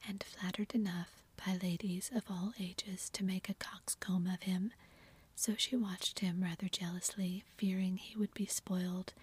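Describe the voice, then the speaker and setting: Woman narrator, airy whispered storybook reading, steady and flat. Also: on the low side, husky. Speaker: reader.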